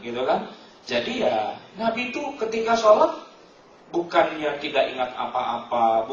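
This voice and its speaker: A man's voice: high-pitched, a bit bright, a little hiss or hum. A man giving an informal, joking sermon and often calling his listeners "Pak". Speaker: Islamic preacher. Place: mosque hall. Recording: echoey room, distant mic, dull sound.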